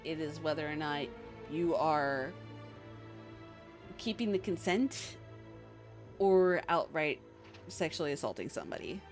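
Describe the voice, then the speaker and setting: A woman streamer chatting casually over a game, giving frank, informal advice. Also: low-pitched. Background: faint game music.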